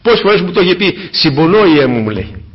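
A man preaching a fervent sermon, swinging between loud exclamations and hushed asides to the congregation. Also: high-pitched, very animated. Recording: dull lo-fi recording.

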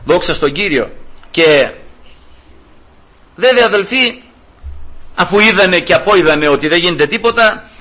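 A man preaching a sermon with passion, his voice swinging high and low as he acts out biblical dialogue. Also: expressive, pauses often, pushed and bright.

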